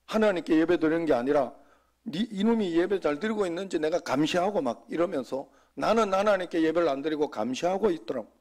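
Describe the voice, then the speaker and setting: A man's voice: fairly high pitch, expressive, fast, darkish tone. A middle-aged male pastor giving a sermon in a folksy, conversational way, often slipping in quoted asides.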